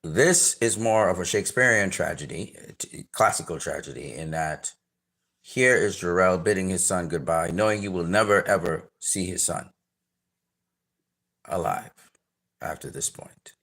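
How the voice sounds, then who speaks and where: A Trinidadian man, the host of a channel, reacts casually to a trailer, rambling with lots of fillers and restarts. His voice is low and a bit bright, with vocal fry, and he speaks at a moderate pace.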